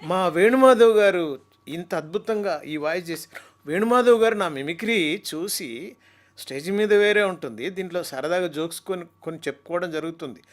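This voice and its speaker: A man, a mimicry artist, telling stories in an animated, talkative way during an interview. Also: high voice, moderate pace. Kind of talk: interview chat.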